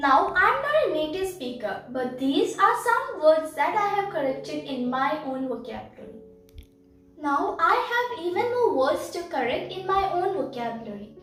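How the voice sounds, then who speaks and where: A woman's voice: sits high, very animated, drawn-out words, a bit bright. A woman giving a bilingual pronunciation tutorial as channel host. She quizzes the viewers and then gives the answer. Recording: very echoey room, far from mic, faint music.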